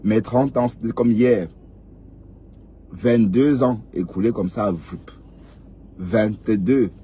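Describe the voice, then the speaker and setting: Lecturing man, low mellow voice. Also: takes it slowly, breathy edge. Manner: lecturing, repetitive, frequent "hein?". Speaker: vlogger. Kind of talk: casual advice monologue.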